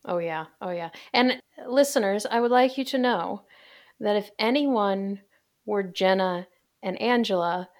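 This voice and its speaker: A woman's voice: medium pitch, unhurried, darkish tone. A woman hosting a casual podcast in a chatty, jokey way, recorded inside a closet. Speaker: podcast host.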